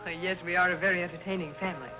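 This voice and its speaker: An actress playing a haughty, spoiled young socialite trading imperious screwball comedy banter in a 1930s film style. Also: female voice, fairly low pitch, steady tone, rapid-fire, close to an everyday voice. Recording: dull old film soundtrack, music behind.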